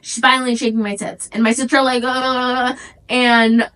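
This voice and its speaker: A woman's voice: fairly high pitch, level tone, normal speed, fairly bright tone, poor audio. A young woman hosting her own podcast, telling a crude personal story in a candid, casual way. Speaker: podcast host.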